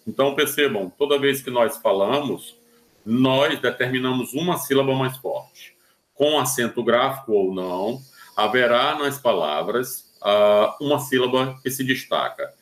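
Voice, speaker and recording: A man with a Brazilian Portuguese accent teaching a recorded lesson, explaining slowly and deliberately with hesitant fillers. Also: lowish voice, fairly bright tone, roomy sound.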